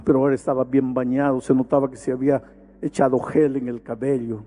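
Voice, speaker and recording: A man's voice: mid-range voice, level tone, fast, dark tone, faint music behind. A man preaching an evangelistic sermon in a large arena with impassioned, emphatic repetition. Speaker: pastor.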